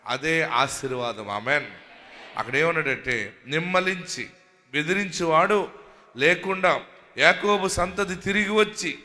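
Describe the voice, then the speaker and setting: Bright-voiced, emphatic preaching pastor. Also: male voice, a little high, expressive, unhurried, long pauses. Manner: emphatic preaching that builds to shouted exhortations; storytelling with conversational asides. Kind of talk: sermon.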